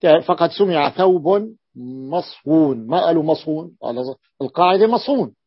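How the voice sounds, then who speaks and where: A man from the Levant teaching Arabic morphology, who repeats key words slowly and thinks aloud with fillers. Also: on the high side, expressive, slightly rough, dry recording. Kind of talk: classroom lesson explaining a text. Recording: dull lo-fi dry recording.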